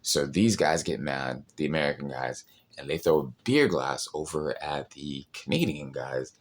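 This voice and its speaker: A man with a very low-pitched voice tells a restaurant story. He talks casually and animatedly, leaning on fillers like "like" and "um". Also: animated, moderate pace. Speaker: podcast host, restaurant server.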